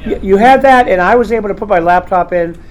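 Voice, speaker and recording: A man hosting a convention panel talks fast in a high-sitting voice, rambling casually and chatting with plenty of fillers. The audio comes from a recorder in the room and is rough.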